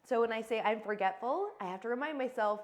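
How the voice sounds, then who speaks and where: A woman's voice: a little high, racing. Earnest woman coaching in casual talk. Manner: earnest, conversational, acts out sample self-talk. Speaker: fitness and emotional health coach. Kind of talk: casual teaching to camera.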